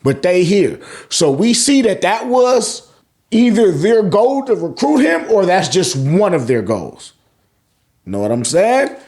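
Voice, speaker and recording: A man's voice: high voice, big pitch swings, slow, a little mellow. An American man hosting a casual, slangy manga review, swearing freely and repeating phrases for emphasis. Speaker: host of a manga review show. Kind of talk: casual, slangy chapter recap commentary.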